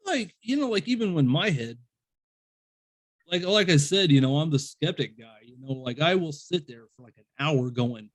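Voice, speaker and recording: Chatty higher-voiced man telling stories. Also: lively intonation, moderate pace. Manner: rambling storyteller, acts out quoted voices. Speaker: podcast host. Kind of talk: casual interview chat.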